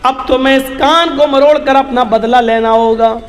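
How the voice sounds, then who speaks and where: Commanding stern ruler, voiced by a preacher; high voice, hall echo. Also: male voice, steady tone. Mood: insistent. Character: stern male ruler, quick-tempered, insistent. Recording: long hall reverb.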